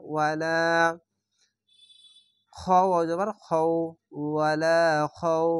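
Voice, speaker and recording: Bangladeshi guy teaching quran reading, drags out each syllable, smooth clear voice, dry close mic. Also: on the high side, a bit bright, no echo. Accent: Bangladeshi Bengali. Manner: slow, drawn-out syllable-by-syllable spelling. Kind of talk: spelling-out recitation lesson.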